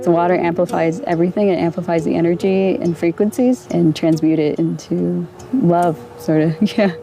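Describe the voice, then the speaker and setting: A soft-spoken young woman from the United States, speaking reflectively in a documentary interview. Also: lowish voice, normal speed, creaky. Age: young adult. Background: music.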